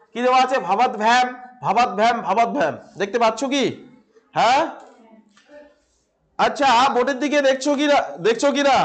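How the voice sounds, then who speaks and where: High-voiced man teaching Sanskrit grammar. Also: a bit bright. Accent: Bengali. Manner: asks questions and repeats answers, checking often. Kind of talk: classroom grammar lesson.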